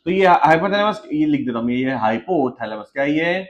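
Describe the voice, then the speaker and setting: A man teaching biology in a classroom, firing questions at students and teasing them, with quick low asides. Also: lively intonation, lo-fi sound. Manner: quizzes students with repeated questions, teasing and joking. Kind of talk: lively classroom lecture.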